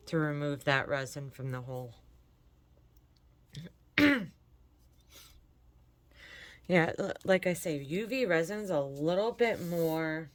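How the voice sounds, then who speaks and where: Working through a relaxed crafting tutorial, this channel host from Michigan keeps up friendly, encouraging chatter. She has a fairly low voice, slightly stuffy from allergies. The audio is dry, close to the mic, with no echo.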